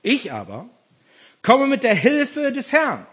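A man's voice: very high voice, huge pitch swings, slow, a bit bright, slightly rough, highs cut off, voice pushed up, exaggerated voice. A man voicing the young shepherd hero David, who calls back a bold, defiant declaration of faith.

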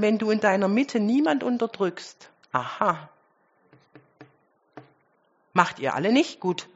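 A woman preaching to a congregation, her voice slightly husky and breathy. She moves between forceful emphasis and soft asides and poses rhetorical questions to her listeners. The recording is muffled and dull, with the highs rolled off. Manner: expressive, swings between loud emphasis and quiet asides. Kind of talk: sermon.

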